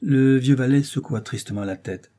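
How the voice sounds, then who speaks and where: A man reading a classic novel aloud as an audiobook narrator, in a steady, measured manner. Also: medium pitch.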